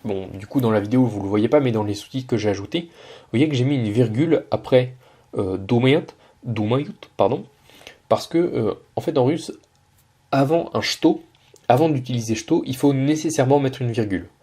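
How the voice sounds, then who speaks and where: Man explaining Russian, dark husky voice. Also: medium pitch, a little fast. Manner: patient, many hesitations and self-corrections. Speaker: Russian language teacher. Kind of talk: explaining a video lesson.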